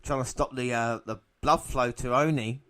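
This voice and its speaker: Male podcast commentator, bright and forceful, excitable and quick to laugh. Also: mid-range voice. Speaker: podcast co-host. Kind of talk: playful wrestling commentary.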